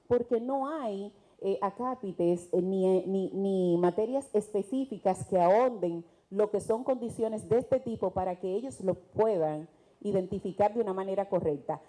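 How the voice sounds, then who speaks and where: A Dominican woman with a Dominican Spanish accent and a dark, medium-pitched voice speaks earnestly and emphatically as a mental health specialist on a TV panel. The recording is rough.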